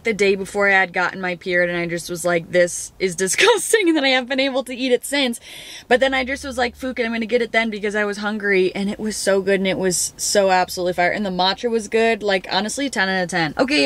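A woman's voice: medium pitch, bright, forceful tone. A young woman in her twenties chatting casually to her phone camera from inside a parked car, upbeat and full of "like" fillers. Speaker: vlogger. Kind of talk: casual vlog chat to camera. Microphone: phone camera at arm's length.

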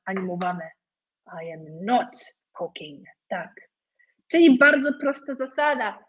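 Upbeat woman teaching on a webinar. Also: fairly high pitch. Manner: upbeat, praising, joking. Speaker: English teacher. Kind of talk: online webinar lesson. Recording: lo-fi webinar audio.

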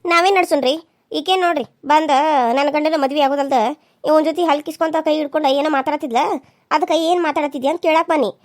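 A woman's voice: sits high, steady tone, fast talker, close to an everyday voice. A woman voicing a jealous, taunting elder sister-in-law in a cartoon serial, with a North Karnataka Kannada accent. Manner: sharp, taunting.

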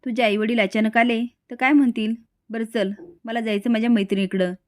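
A woman's voice: on the high side, fairly even intonation, brisk, no echo, studio quality, natural voice. A woman voicing a fussy, condescending, scheming rich mother. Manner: condescending, fussing.

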